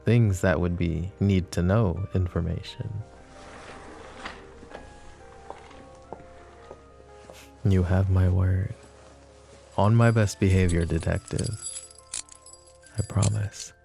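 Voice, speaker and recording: A man plays a smug, deep-voiced mafia boss in an ASMR roleplay, flirty and possessive, drawling slowly and intimately with a gravelly vocal fry. His tone is steady, mellow, and coaxing as he mocks and teases. Faint music plays behind him.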